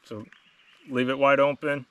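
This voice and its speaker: A man's voice: mid-range voice, little pitch movement, a little slow, recorded from a distance, heavy background noise. A man giving a casual, plain-spoken instructional product demonstration as host. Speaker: host demonstrating duck calls.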